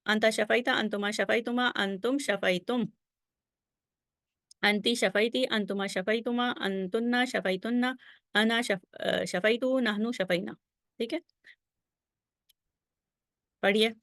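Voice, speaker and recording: A woman's voice: on the high side, fairly even intonation, pauses often, a bit bright, no echo, studio quality. A woman teaching Arabic grammar in a recorded slide lesson, patiently reciting verb forms and checking in with the listener often. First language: Urdu. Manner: patient, drills conjugations aloud with frequent check-ins.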